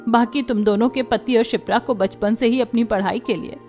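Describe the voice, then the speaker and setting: A woman voicing a meek, sorrowful older mother-in-law in a cartoon, speaking softly and quietly. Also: fairly high pitch, steady tone, fairly quick, soft background music, close to an everyday voice. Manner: soft and subdued. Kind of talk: cartoon voice acting.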